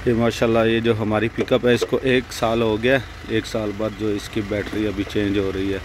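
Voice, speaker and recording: A man's voice: lowish voice, flat delivery, normal speed, background noise. A young man vlogging casually at night by a roadside, showing things to the viewer on a handheld phone. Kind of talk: casual vlog narration.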